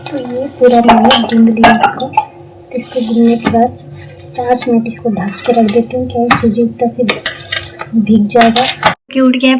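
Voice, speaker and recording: A woman working as a nanny and house helper, chatting casually as she narrates her day step by step on her phone. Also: fairly high pitch. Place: apartment, balcony and park. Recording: loud background noise.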